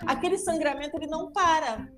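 A woman with a high voice hosts a podcast and walks through dental aftercare step by step. She explains in a patient way and keeps asking whether the listener follows. Music runs clearly behind her. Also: fast. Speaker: dentist and podcast host.

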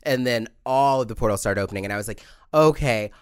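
Man, casual podcast chat, animated delivery, acts out quotes, dry close sound. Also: medium pitch, fairly quick, smooth, no room sound. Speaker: podcast co-host. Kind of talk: casual movie discussion.

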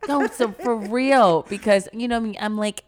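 A woman with a slightly high voice co-hosts a podcast at normal speed, chatting in a casual, slangy way. She tells stories emphatically and animatedly, acting out what people say, while a crowd can be heard in the background.

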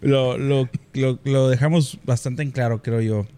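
A man's voice: mid-range voice, steady tone, a little slow, dark tone, clear, resonant tone. A man with a Sonoran, northern Mexican accent in a casual chat, slangy and sweary, repeating phrases for emphasis.

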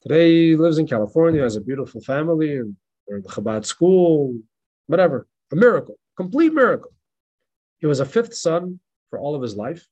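Husky animated rabbi. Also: male voice, fairly high pitch, a little fast, highs cut off. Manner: animated, emphatic teacher with repetitions. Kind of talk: Passover class reading and storytelling. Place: synagogue in El Paso.

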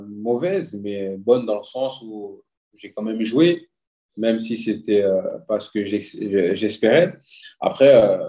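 A footballer being interviewed, telling anecdotes in a lively way, acting out dialogue and trailing off with fillers. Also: male voice, medium pitch. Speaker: professional footballer guest. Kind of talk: casual storytelling interview.

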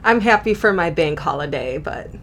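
A young woman co-hosts a podcast with a slightly low voice. She chats candidly and giggles often. Faint noise sits under the recording. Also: expressive, normal speed, fairly bright tone. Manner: laughs often, chatty and candid. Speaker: podcast co-host. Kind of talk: casual chat.

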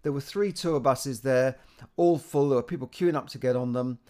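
A man's voice: medium pitch, moderate pace, mellow. A British man talking casually about current economic news, stumbling through frequent restarts and repeated words. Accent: British English. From Britain.

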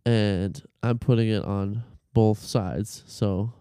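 A man's voice: lowish voice, steady tone, slow pace, mellow, smooth, dry recording, clean studio sound. A man on a casual podcast, telling a long story with profanity, fillers and restarts. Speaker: podcast co-host.

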